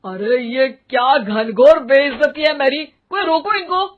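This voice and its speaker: A woman voicing a flustered middle-aged male politician in an animated cartoon, indignant and pleading. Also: high voice, a little slow, narrow, tinny audio. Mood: outraged.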